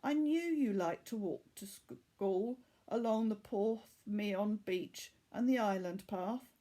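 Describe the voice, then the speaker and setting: In a storybook reading, a woman speaks as an earnest, worn-out boy from Bangladesh, relating his story at a measured pace. She uses a mellow mid-range voice with an earnest, confiding mood.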